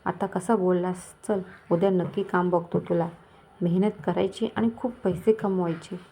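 A woman's voice: fairly low pitch, fairly even intonation, normal speed, mellow, husky. Lady doing a sly village moneylender guy, sweet-talking and menacing, story narration. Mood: falsely friendly. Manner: coaxing, menacing, falsely kind. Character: scheming lecherous middle-aged village moneylender.

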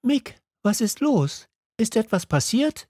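A caring mother with a lifted, lighter voice, as a male reader puts her on. She sounds high for a man and moves lively up and down, set in a dry, close audiobook recording. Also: unhurried, slightly rough, no room sound, full character voice. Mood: surprised. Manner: raised, lighter voice. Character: worried mother, grown woman, caring. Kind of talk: children's audiobook reading.

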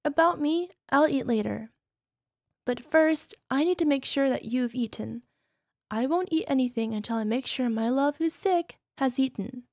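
In an ASMR roleplay directed at the listener, she voices a young yandere wife, delighted and doting, with a very high, girlish, slightly mellow voice at a moderate pace. Sweet coaxing and cooing carry a possessive, controlling threat. It's recorded dry with no echo.

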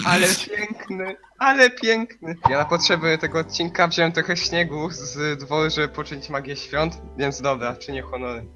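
A man's voice: fairly high pitch, fairly even intonation, fairly quick, hardly any pauses, music in the background. A man in a casual gaming chat, gushing and exclamatory.

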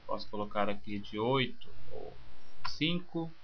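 A man, teaching software in a screencast and calmly walking through each click step by step. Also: on the low side, unhurried. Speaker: software instructor. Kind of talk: screencast tutorial. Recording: slightly muffled with faint hiss.

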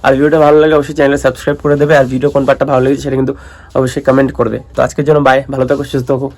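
With a medium-pitched, fairly flat voice that races and sounds a little mellow, the young West Bengal vlogger narrates casually from a lakeside park by the street, phone in hand. He's chatty and playful, says "brother" to his viewers, and there's slight background noise.

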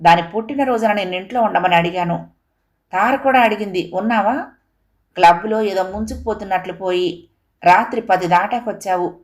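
A woman's voice: mid-range voice, normal speed, natural voice. Woman reading as a feverish husband, reproachful, earnest, pleading. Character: feverish hurt husband, pleading then angry.

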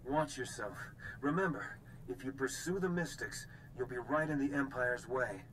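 A man's voice: medium pitch, normal speed, a bit bright, a little hiss or hum, close to an everyday voice, poor audio. Matter-of-fact, cautious male ally played by an actor. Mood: cautioning. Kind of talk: video game dialogue acting.

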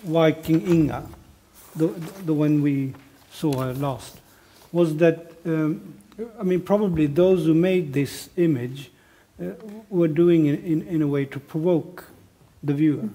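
Guy on a panel, higher voice but really dark mellow tone, faint hiss behind. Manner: thoughtful, halting. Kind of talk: panel discussion.

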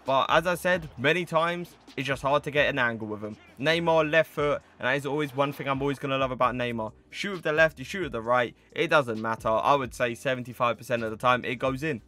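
A man's voice: mid-range voice, bright, forceful tone. A man in his twenties giving casual gameplay commentary in a chatty, slangy way, with stock phrases he repeats. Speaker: gaming video host.

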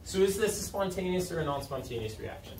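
Speaking fast with lively intonation and a high voice, this thirty-something chemistry teacher runs a high school lesson in a loose, conversational style. He questions his students and checks in with them throughout. The audio comes from a distant camera mic at the back of the room, so it's roomy and carries room noise.

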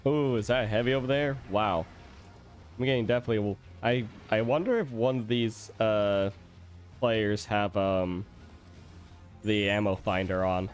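Hiccuping as he streams, a man offers relaxed commentary on his game and reacts with brief exclamations. He speaks at a measured pace in a fairly low pitch over faint background music.

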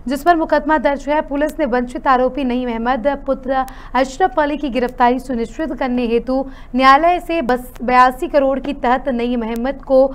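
High-pitched young woman reading news. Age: young adult. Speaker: news anchor. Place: TV news studio.

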